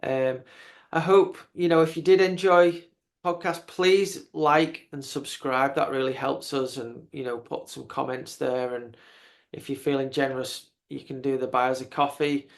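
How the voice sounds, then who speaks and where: A man in his fifties hosting a podcast, chatting casually in a halting way, often repeating words. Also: mid-range voice, fairly even intonation. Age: 50s. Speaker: podcast host. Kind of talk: casual interview chat.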